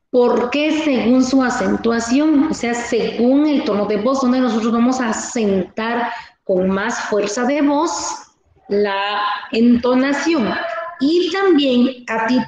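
A woman teaching a class over a video call, explaining slowly and asking her pupils questions. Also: sits high, muffled recording. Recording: very echoey room with faint noise.

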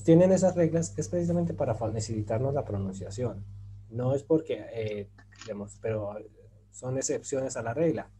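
A man's voice: medium pitch, warm tone, a little hiss or hum. A man teaching a Turkish grammar lesson in an online group class, explaining step by step and often checking with "right?". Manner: patient, explains step by step, often asks "¿cierto?".

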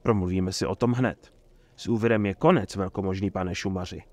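A man's voice: on the low side, natural voice. A man voicing a stern male innkeeper who speaks coldly and sarcastically. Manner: cold, sarcastic. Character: stern middle-aged male innkeeper, cold.

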